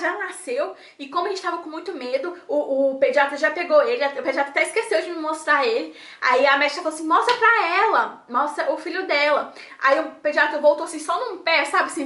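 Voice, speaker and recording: A woman's voice: sits high, a bit bright, echoey room. A young woman from Brazil with a Brazilian Portuguese accent, casually telling viewers her birth story in a chatty vlog style, restarting her sentences often. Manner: chatty, many restarts, talks straight to viewers.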